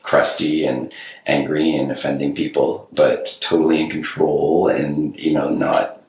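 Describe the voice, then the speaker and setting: Deep-voiced man, animated and incredulous. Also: a little slow. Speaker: guest co-host. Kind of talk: casual podcast chat. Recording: roomy room echo, faint hiss.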